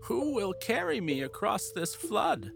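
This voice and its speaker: A man's voice: huge pitch swings, a little slow, gravelly, music in the background, full character voice. A man putting on a whining frail old woman. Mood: pleading. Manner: whining, high and strained.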